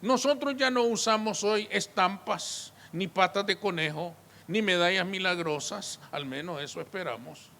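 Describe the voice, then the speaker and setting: Male pastor, high and bright voice, emphatic sermon delivery. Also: moderate pace, in a large hall. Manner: emphatic preaching, repeated appeals to the congregation.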